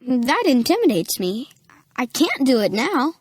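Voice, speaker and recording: A woman's voice: high voice, sing-song, measured pace, husky, no room sound, studio quality, exaggerated voice. An actress playing a polite, curious little boy prince in an audiobook drama. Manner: polite, earnest. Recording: music playing behind.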